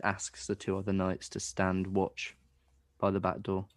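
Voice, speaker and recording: A man narrating as game master, chatty and laughing often, with a hushed tone for the tense parts. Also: low-pitched, completely flat delivery, measured pace.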